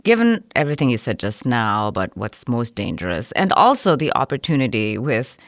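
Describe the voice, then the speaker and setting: A woman from Indonesia hosting a podcast, asking thoughtful, measured questions. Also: rumbling low, very animated, no echo, clean studio sound. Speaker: podcast host. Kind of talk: podcast interview.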